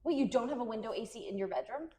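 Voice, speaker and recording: A woman's voice: fairly high pitch, lively intonation, racing, over a noisy crowd. A woman co-hosting a podcast, telling stories in a chatty, rambling way with lots of fillers and easy laughter. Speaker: podcast co-host. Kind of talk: casual chat.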